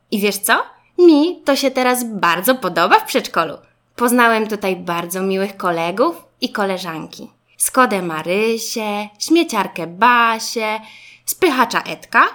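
A woman's voice: mid-range voice, fairly bright tone. A woman voicing a friendly, reassuring little boy car in a children's storybook, eager and upbeat. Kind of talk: storybook reading.

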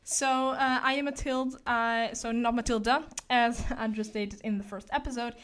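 A woman's voice: a little high, fairly even intonation, normal speed. A young woman from Portugal whose first language is Portuguese, introducing herself on a podcast in a friendly, slightly hesitant way. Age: young adult. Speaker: podcast co-host. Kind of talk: casual introduction.

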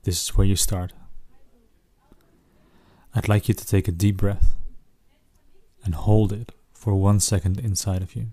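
Deep, mellow man guiding soothing relaxation. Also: level tone, measured pace, long pauses, slightly rough, no room sound. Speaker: guide of a relaxation recording. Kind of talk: soothing guided relaxation narration, like a sleep story narrator.

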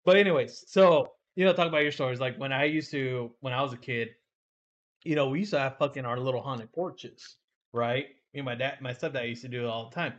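A man's voice: mid-range voice, brisk, highs cut off. A man in casual chat, telling a rambling story with plenty of swearing. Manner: loose, rambling, heavy swearing. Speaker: co-host.

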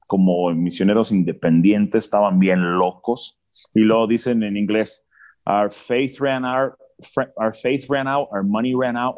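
A man's voice: lowish voice, a little mellow, highs cut off. A man from the United States, a guest telling his life story and laughing easily at jokes. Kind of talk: casual interview chat.

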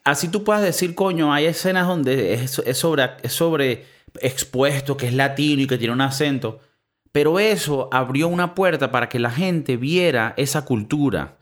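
A man with a Venezuelan Spanish accent co-hosts a podcast at a moderate pace and medium pitch. The chat is casual and animated, with plenty of slang and free swearing.

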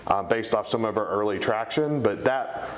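A man in middle age speaks in a roomy, echoing space. His voice sits on the low side and carries an East Tennessee accent. He talks conversationally, like a guest explaining things in an interview. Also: normal speed. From East Tennessee, United States. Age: middle-aged. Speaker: interview guest, company co-founder.

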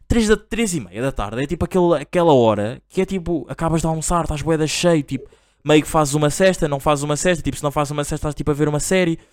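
A man's voice: no echo, clean studio sound. A young man with a European Portuguese accent, telling a rambling, slangy comic story as a podcast host. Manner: slangy, rambling, animated, mimics shouting parents in a high voice. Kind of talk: casual comedic monologue.

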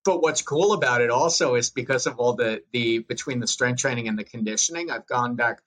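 A man's voice: mid-range voice, brisk, fairly bright tone, poor audio. A man in his thirties with a Long Island accent, a podcast guest chatting casually and joking as he tells his story. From United States. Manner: chatty and jokey, with frequent restarts. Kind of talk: casual interview chat.

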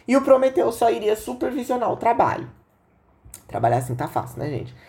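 A woman's voice: on the high side, sing-song, brisk, dark tone. A woman with a Brazilian accent and a voice altered by an inflamed, sore throat, hosting a podcast in a casual, chatty storytelling style that speaks straight to listeners. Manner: chatty, informal, addresses listeners directly. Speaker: podcast host.

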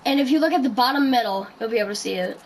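A woman's voice: on the high side, racing, slight background noise, rough recording. A woman hosting a casual podcast chat, rambling through her story with lots of ums and likes. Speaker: podcast host.

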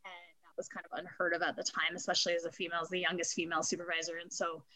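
A woman's voice: on the low side, completely flat delivery, very fast, pushed and bright, dry recording. A woman in her forties from Canada, a guest telling stories in a casual interview, chatty and laughing often. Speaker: guest, fitness testing company and former corrections supervisor.

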